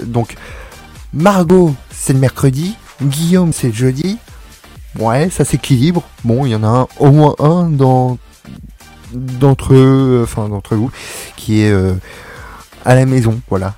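A man's voice: medium pitch, takes it slowly, pauses often, warm tone, soft background music. A young man hosting a casual radio chat, joking and laughing often as he talks. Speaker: radio show host.

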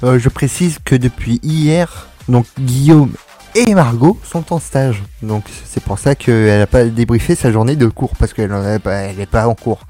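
A man's voice: mid-range voice, normal speed, mellow, faint music behind. A young man hosting a casual radio chat, joking and laughing often as he talks. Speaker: radio show host.

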